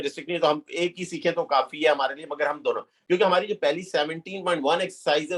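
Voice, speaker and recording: A man, teaching a math lesson step by step, mixing in English terms and checking "clear?" with his students. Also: a little high. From Pakistan. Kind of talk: classroom lecture.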